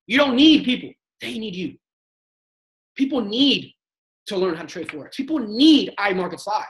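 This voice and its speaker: His intonation is lively, his pace moderate, and his high voice fairly bright. This young man, a network marketing panelist, gives a casual, slang-filled motivational training talk on a sales panel, coaching emphatically and acting out example chats.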